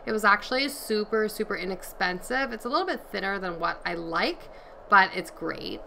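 A woman in her thirties chatting casually from her bedroom while folding laundry, relaxed and explaining as she works, recorded by a camera across the room. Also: medium pitch, moderate pace, creaky, loud music behind the voice, poor audio. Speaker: vlogger and mother. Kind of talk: casual chat while cleaning. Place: home bedroom, indoors. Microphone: camera on a tripod across the room.

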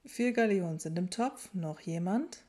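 A woman's voice: fairly low pitch, expressive, a little slow, dark tone. A woman voicing a cheeky, joking young male wizard who talks breezily and confidently.

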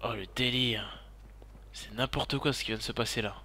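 A man's voice: mid-range voice, fairly even intonation, normal speed. A man giving frantic in-character commentary while playing a driving game, swearing and repeating his exclamations. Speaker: gaming YouTuber role-playing his character. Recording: loud car and siren game sounds behind. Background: car engines and police sirens from the game.

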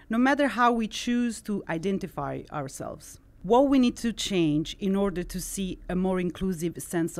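A middle-aged woman from central Italy with an Italian accent, hosting a studio podcast and reading a measured, scripted introduction into a boom mic. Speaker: host. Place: studio with wood-slat wall. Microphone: boom-arm studio mic.

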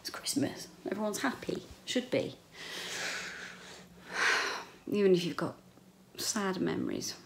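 A woman's voice: mid-range voice, lively intonation, slow, creaky, pauses often, a bit bright, a little hiss or hum. A middle-aged British woman vlogging casually from an echoey room, rambling and playful. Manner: rambling, playful, mildly sweary. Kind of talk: casual chatty vlog to camera. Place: small echoey bedroom at home, indoors. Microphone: handheld camera at arm's length.

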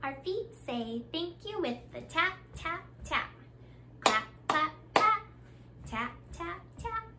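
Here a library storytime host, a woman in her thirties, uses a very high, sing-song voice and reads slowly to young listeners. The recording is very noisy. She performs a picture book read-aloud with lots of expression in a small living room near a window, a few feet from the camera.

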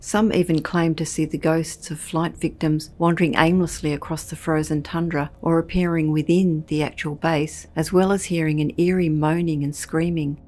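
A woman with a notably low voice tells a scripted documentary story. Her delivery is measured and ominous, paced like a spooky narration. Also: level tone, a little mellow.

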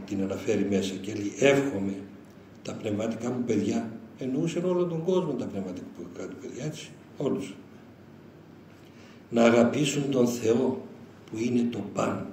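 Older monk talking in a roomy hall. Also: male voice, fairly low pitch. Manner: conversational, animated storytelling with chuckles. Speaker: monastic elder giving a talk. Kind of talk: informal spiritual talk. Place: lecture hall. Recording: roomy hall sound with faint noise.

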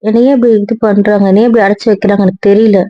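A woman's voice: medium pitch, little pitch movement, racing, no echo, highs cut off, natural voice. A woman playing a stern young wife who is fed up and scolding firmly. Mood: pleading. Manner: firm, scolding, clipped. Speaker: angry wife in audio drama. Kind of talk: Tamil audio drama acting.

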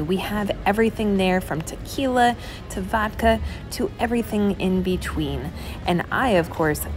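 A woman narrating a vlog voice-over, describing a tour in a friendly way. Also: mid-range voice. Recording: voice-over with music behind.

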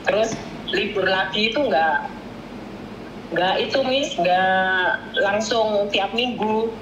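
A woman's voice: medium pitch, slow pace. A woman in her forties telling her story in a casual interview, rambling and often acting out the voices of others. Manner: meandering, acts out quoted voices, repeats "Miss". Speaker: interview guest, former domestic worker. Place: small home room. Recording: roomy, dull, noisy room recording.

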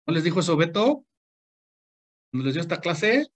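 A doctor with a Mexican Spanish accent gives an informal medical lecture in a colloquial style, often asking check questions to make sure students are following. His voice is a little high and sing-song, at a moderate pace.

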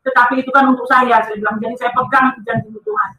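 A woman's voice: sits high, very animated, very fast, bright, forceful tone, recorded from a distance, soft background music. A woman giving an emotional personal testimony. She is earnest and emphatic, and she keeps turning to her listeners as friends. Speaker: testimony speaker. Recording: echoey room, voice from off-mic.

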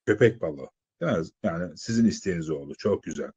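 A male teacher giving a live exam-prep lecture, constantly asking his students questions and filling pauses with drawn-out "e" sounds. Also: sits low, animated, warm tone, breathy edge, highs cut off. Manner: asks students rhetorical questions, many "e" fillers.

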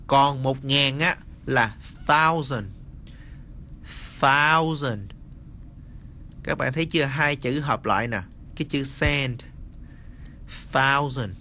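A man teaching English number words in a casual spoken lesson, slowly repeating each word and checking that the viewers follow. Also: medium pitch, pushed and bright, slight background noise. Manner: slow, repeats words, addresses viewers as friends.

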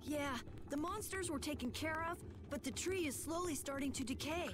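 A woman voicing a lively, restless young boy villager in a video game, eager and quick to dash off. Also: high-pitched, noisy background, natural voice.

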